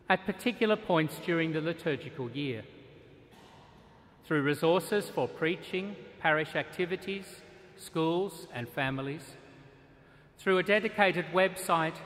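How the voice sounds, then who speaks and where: Solemn archbishop preaching in a cathedral. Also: male voice, fairly high pitch, fairly bright tone. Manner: measured, solemn preaching with deliberate pauses. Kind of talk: sermon. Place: large stone cathedral, at a lectern. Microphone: lectern microphone. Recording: long cathedral reverb.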